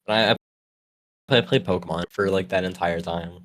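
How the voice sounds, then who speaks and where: A man's voice: deep voice, fairly even intonation, brisk, fairly bright tone, no room sound, rough recording. Tired young man, rambling. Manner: rambling, hesitant, lots of fillers and restarts. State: tired from no sleep. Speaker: podcast co-host. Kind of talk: casual chat.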